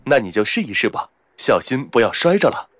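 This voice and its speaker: A gallant young knight. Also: male voice, medium pitch, sing-song, fairly quick, fairly bright tone. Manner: gallant and polite. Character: courteous young male knight.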